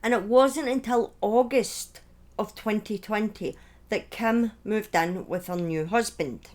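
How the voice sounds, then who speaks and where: Speaking at a medium pitch with a slightly mellow tone, a woman narrates a true-crime story. It is partly scripted but conversational, and she stumbles through some phrases while offering casual asides and her own views.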